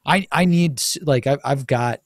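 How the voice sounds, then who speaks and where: Gravelly, enthusiastic young male host. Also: mid-range voice, moderate pace, dry recording, clean studio sound. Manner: enthusiastic, casual, swears, says dude. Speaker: podcast host. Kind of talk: casual interview chat.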